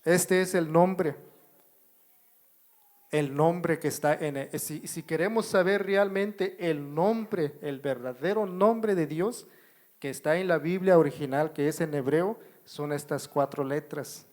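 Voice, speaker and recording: Slow-paced Mexican Spanish church teacher. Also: male voice, a little high, a little mellow. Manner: addresses the congregation as brothers, asks if they follow; writes on a board while explaining. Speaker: church brother teaching a Bible study. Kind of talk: slow, repetitive Bible teaching.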